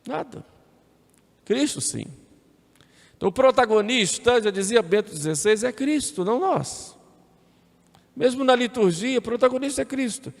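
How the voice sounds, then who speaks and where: A male priest gives a homily in a church, speaking conversationally with repeated phrases and tag questions. His very high, creaky voice has lively intonation, a moderate pace, and long pauses. Long reverb fills the echoey space.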